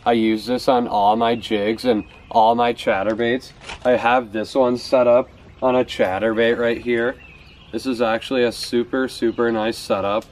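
With a slight hiss or hum in the recording, a young man speaks in a mid-range, somewhat mellow voice that shifts little in pitch, at a measured pace. He's a fishing vlogger on a house's back porch steps outdoors, casually showing his favorite baits to camera and often repeating words for emphasis.

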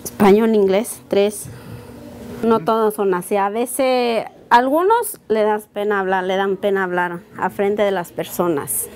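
A woman in her thirties from Mexico, a native Mixtec speaker with a Mixtec accent, talking in an interview in an earnest, halting way that often circles back and repeats itself. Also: mid-range voice, steady tone, darkish tone, slight background noise. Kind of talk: casual interview.

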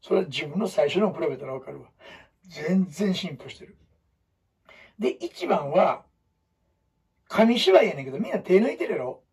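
A man with a Kansai accent, lecturing students on storytelling in an emphatic way, jumping between loud bursts and low asides. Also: sing-song, moderate pace, pauses often, slightly rough, recorded from a distance. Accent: Kansai (Osaka). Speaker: storytelling teacher.

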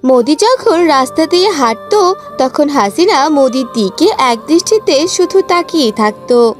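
Female narrator, scripted cartoon storytelling, high lively voice, light music behind. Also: measured pace.

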